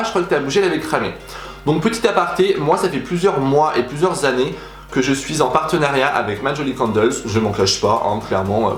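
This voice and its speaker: A young man chatting animatedly as a beauty vlogger, gushing about his favorite products in a casual review. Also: fairly high pitch. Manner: animated, chatty, exaggerated enthusiasm. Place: room at home. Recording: echoey room with faint music.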